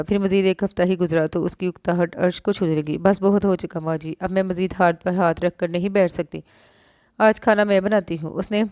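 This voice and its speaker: A woman with a Pakistani Urdu accent reading a romance novel aloud, voicing every character herself and lifting her pitch for the dialogue. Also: warm tone, dry recording, clean studio sound. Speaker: novel narrator. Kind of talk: audiobook narration of a romance novel.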